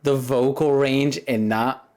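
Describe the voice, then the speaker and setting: Slow, steady, and a little mellow, a young man's deep voice rambles casually to viewers on a livestream. He laughs often as he moves between thoughts.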